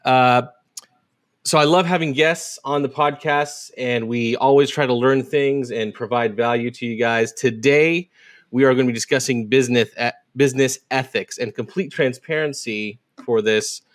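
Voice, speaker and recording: A man hosting a casual podcast conversation, sometimes reading written posts aloud at speed. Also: mid-range voice. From United States. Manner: reads quoted posts aloud quickly. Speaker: podcast host.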